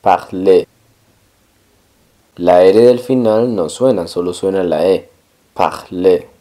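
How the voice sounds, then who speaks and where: A man teaching a language lesson, explaining pronunciation step by step and repeating each example slowly. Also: low-pitched, dark tone. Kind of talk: slow, careful language lesson.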